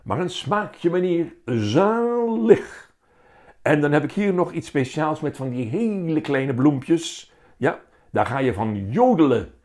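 A man's voice: a little high, expressive, slow, a little mellow, pitched above the performer's own voice. A man voicing a playful schoolboy who loves acting, with exaggerated salesman patter. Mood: hamming it up.

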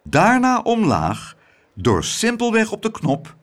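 A man's voice: high-pitched, wildly swooping pitch, slow, slight background noise, voice pushed up, heavily acted. Pompous male mayor in a storybook reading, announcing with big swooping intonation; the male narrator voices him. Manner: speechifying, announcing to a crowd.

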